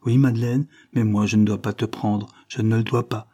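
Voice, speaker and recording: A grave, dutiful army captain speaking low and solemn, voiced by a male reader. His voice is mellow and husky, hushed and weighed down. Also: little pitch movement, normal speed.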